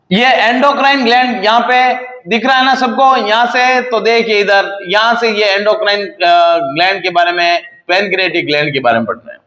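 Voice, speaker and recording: A high-pitched man with a bright, ringing voice teaches from a whiteboard. He asks the class questions and answers them himself, and he stretches out key to drill them in. His throat sounds a little sore, and the room around him is echoey. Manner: repeats key terms slowly for emphasis. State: slightly sore throat, clears it now and then. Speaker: paramedical teacher. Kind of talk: classroom lecture on video.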